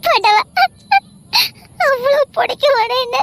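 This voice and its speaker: Lady doing a young wife in an audio story, super high voice, pleading and teary. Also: slow, a bit bright, full character voice. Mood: tearful. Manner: pleading, tearful and vehement. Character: young wife, wronged man's daughter, fiercely devoted. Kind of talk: dramatic audio story acting.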